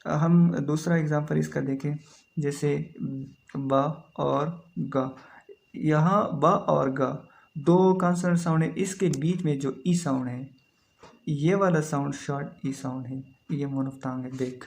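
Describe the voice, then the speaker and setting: A man delivers an online phonetics lesson in a voice pitched a little above the usual. He explains step by step and often restates a point. technical words run through his Hindi. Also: steady tone, creaky, darkish tone. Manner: explains slowly, repeats phrases, mixes English terms into Hindi. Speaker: phonetics lecturer. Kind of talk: recorded online lecture.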